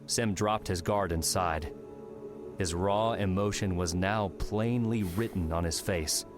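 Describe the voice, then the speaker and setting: Narrating a dramatic adventure audiobook, a man reads scripted prose slowly as a storyteller in a fairly low voice. Music plays clearly behind him.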